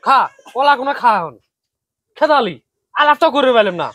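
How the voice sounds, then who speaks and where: Man, whiny complaining, high voice, dry sound. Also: animated, moderate pace, a bit bright, no echo. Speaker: comedy skit actor. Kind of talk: comedy skit acting.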